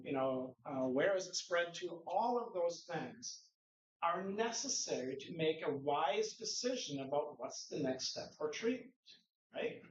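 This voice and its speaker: The conference presenter is a Norwegian man, native in Norwegian, with a slightly high voice who lectures in a conversational manner and poses rhetorical questions. A distant mic picks him up in a roomy, echoey conference room, yielding dull sound.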